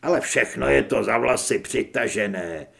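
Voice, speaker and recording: A man doing a sullen, grumbling gentleman. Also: medium pitch, lively intonation, gravelly, voice pushed down. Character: gloomy grumbling middle-aged man.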